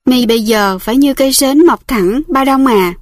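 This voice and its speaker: A woman's voice: sits high, normal speed, no echo, clean studio sound, lightly acted. A woman reading aloud as a grieving older village man who speaks bluntly and commandingly, in an audiobook style.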